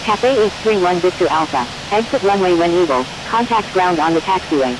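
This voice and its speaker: A woman's voice: fairly quick, natural voice. A woman voicing a formal flight simulator radio operator in clipped, procedural cockpit-headset phraseology. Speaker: air traffic controller and pilot radio voice. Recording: clear steady hiss and rumble.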